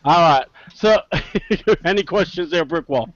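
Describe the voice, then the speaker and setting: Excitable high-voiced male podcast host. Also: a little slow, dry recording, dull audio. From American South. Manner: excitable, loud bursts, joking. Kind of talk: casual podcast interview.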